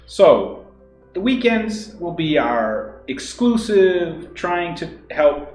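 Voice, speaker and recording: Co-hosting an English-teaching livestream, this man chats casually and rambles with lots of fillers and restarts. He has a high-pitched, very animated voice with a darkish tone and a slow pace. The audio has a roomy echo and faint music.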